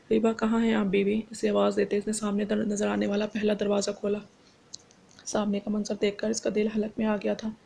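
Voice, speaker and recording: Gravelly woman narrating a novel. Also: medium pitch, slight background noise. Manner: steady storytelling narration. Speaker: audiobook narrator. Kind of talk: novel reading.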